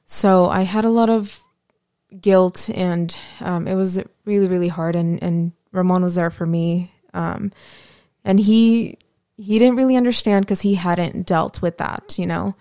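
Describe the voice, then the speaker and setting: A woman guest on a podcast, speaking reflectively and hesitantly, with many pauses and fillers. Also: lowish voice, steady tone, dark tone, no room sound, studio quality. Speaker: guest, host's fiancée. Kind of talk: personal conversation.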